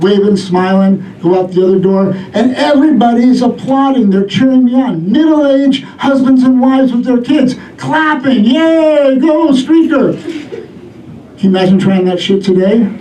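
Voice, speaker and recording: Male stand-up comic, middle-aged, rambling storyteller with a higher voice, picked up from afar before a laughing crowd. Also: moderate pace, warm tone, a little hiss or hum. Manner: rambling storyteller delivery, acting out bits. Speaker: stand-up comedian. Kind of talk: stand-up comedy routine. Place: live comedy venue with audience. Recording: echoey club room, distant mic, audience laughter.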